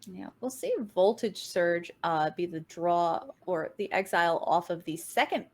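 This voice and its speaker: A woman casting a card game match, giving play-by-play commentary with an upbeat manner and quick swings in pitch and tempo. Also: animated, darkish tone. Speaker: game caster.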